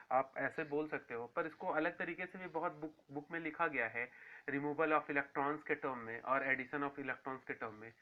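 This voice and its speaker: A man giving a school science lecture, repeating key terms and asking then answering his own questions. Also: mid-range voice. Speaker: science teacher. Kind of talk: classroom lecture to students. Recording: tinny phone-like sound.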